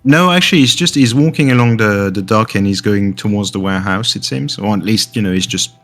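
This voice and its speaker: A man's voice: fairly low pitch, a little fast, fairly bright tone, soft background music. A man narrating a tabletop game as game master, hesitant with many fillers.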